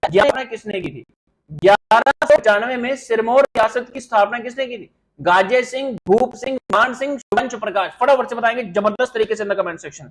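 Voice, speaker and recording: A man's voice: extremely high pitch, rough recording. A man teaching a live online quiz class, rattling off questions and praising or teasing students by name. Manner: rapid quiz-master patter, praising viewers by name. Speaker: exam coaching teacher. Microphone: live stream mic with audio glitches.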